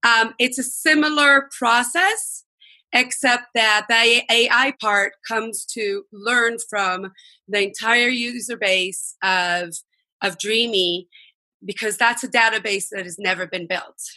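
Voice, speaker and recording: A woman's voice: a little high, fairly even intonation, slow pace, pushed and bright. A woman from Israel, a guest on a podcast, explaining her work with some restarts. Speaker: guest, app founder. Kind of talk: interview answers.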